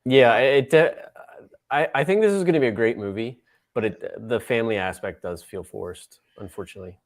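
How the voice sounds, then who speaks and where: A man in a casual chat, giving his opinions in a hesitant, halting way. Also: medium pitch. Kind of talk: casual chat reacting to a trailer.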